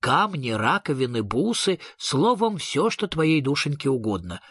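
A kindly, absent-minded storybook father troll, mumbling mild explanations, read by a man. His voice is husky and close, with a dry sound. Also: a little high, sing-song, measured pace, a bit bright, no room sound, full character voice.

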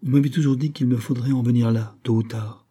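A resigned, gentle young woman of means who has given up, read by a man in his own dark, husky voice. She speaks softly, as in an audiobook reading. The tone stays low and mellow throughout. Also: fairly even intonation, fairly quick, close to an everyday voice.

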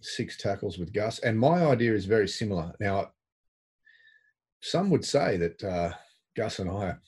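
Aussie bloke, bit raspy and lowish, podcast co-host, dry jokes at his own expense. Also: animated, moderate pace, a little mellow. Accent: Australian. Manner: dry, self-deprecating humour. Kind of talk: casual sports podcast chat.

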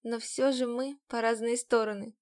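A woman reading a novel aloud in the first person, with a fairly high voice. She tells the story in an even, measured way. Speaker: audiobook narrator. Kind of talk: scripted first-person narration.

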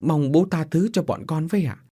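A man's voice: fairly high pitch, fairly quick, mellow, breathy edge, pitched above the performer's own voice. A man voicing a poor, earnest village father who pleads and fusses in a spoken ghost story. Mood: pleading. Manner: eager, pleading.

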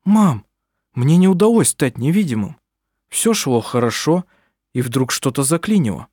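A man's voice: on the high side, big pitch swings, moderate pace, warm tone, slightly rough, no room sound, studio quality. A man reading aloud, voicing an earnest young man who is an eager would-be sorcerer and a fond son. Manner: earnest, affectionate.

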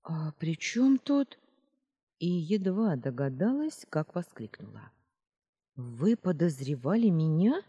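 A woman's voice: deep voice, sing-song, slow, warm tone, slightly rough, exaggerated voice. A woman reading a touchy young shopkeeper girl. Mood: indignant. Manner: earnest, easily offended. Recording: roomy reverb.

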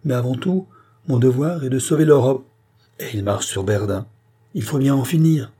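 A cold, scheming occultist, read by a man who lays out his case in long, sweeping, relentless periods. The voice is dark and husky, with a mellow, low warmth under the grandeur. It sounds like an audiobook character reading. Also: normal speed, natural voice. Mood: grandiose.

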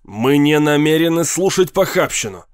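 A man's voice: medium pitch, animated, a little fast, no room sound, studio quality, natural voice. A man voicing a prudish, nervous male police captain in a storybook reading, deferential to superiors and stern with prisoners. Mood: scandalized.

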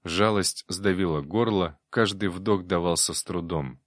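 A man narrating a fantasy novel in the first person, reading in an even, steady way. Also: deep voice, a little slow, dry recording, clean studio sound. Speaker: audiobook narrator.

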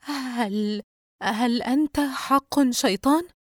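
A panicky young woman played by a woman reader, her voice pushed high and tight with fear. Every line comes out strained and urgent, in a close, dry storybook recording. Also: animated, fast, a little mellow, dry recording, close to an everyday voice. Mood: frightened. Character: frightened young woman Yusra, tense and panicky.

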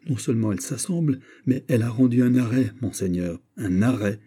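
A man's voice: medium pitch, expressive, fairly quick, dark tone, slightly rough. A man playing a grave, loyal confidant. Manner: grave, urgent warnings. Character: loyal anxious male confidant, grave and urgent. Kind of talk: audiobook character reading.

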